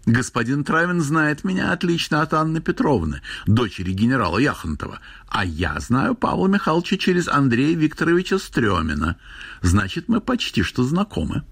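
A man's voice: medium pitch, big pitch swings, normal speed, creaky, a bit bright, breathy edge, no room sound, clean studio sound, voice pushed up, exaggerated voice. A man reading aloud, voicing a cheerful, sly eighteen-year-old girl who speaks in an offhand way. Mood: breezy. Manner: offhand, playful.

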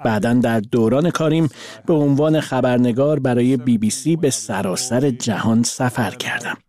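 A man voicing a translation over a guest's words, with a measured, even delivery. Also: mid-range voice. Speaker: voice-over interpreter.

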